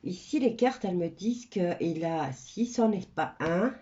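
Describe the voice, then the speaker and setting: Her pitch sits on the low side and her delivery is animated but a little slow, with a mellow tone and lo-fi sound. She's a tarot reader fighting a cold, stuffy-nosed and coughing, rambling chattily through a casual reading for viewers with many hesitations.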